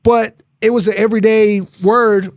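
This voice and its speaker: Male, 30s, Spanish speaker, high-pitched, dry close sound, casual and argumentative slang. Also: level tone, normal speed, no room sound. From Texas, born in Mexico. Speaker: podcast guest. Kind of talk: casual interview talk.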